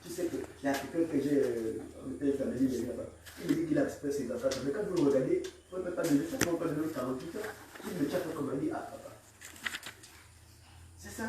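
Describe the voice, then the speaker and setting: A male pastor preaches with a fairly high voice, urging his congregation to answer him back and now and then rising to a shout. His voice booms around a big, echoing church. The mic sits well away from him. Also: fast talker, noisy background. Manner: exhorting, repeats lines for the crowd to echo, breaks into shouts. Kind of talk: call-and-response sermon. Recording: very echoey hall, mic far off.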